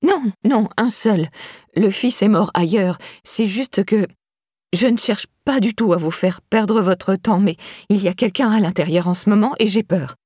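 A woman's voice: unhurried, darkish tone, husky, no room sound, clean studio sound. A woman reading an audiobook, voicing an anxious, insistent woman with a raised, urgent voice. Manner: urgent, pleading, higher-pitched.

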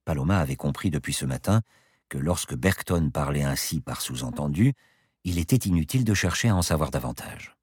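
A man narrating an audiobook in an expressive, suspenseful way. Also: rumbling low, fairly quick, slightly rough, dry recording, clean studio sound.

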